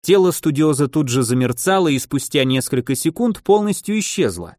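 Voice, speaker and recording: A man narrating a fantasy audiobook in an even, steady reading voice. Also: a little high, normal speed, no echo, clean studio sound.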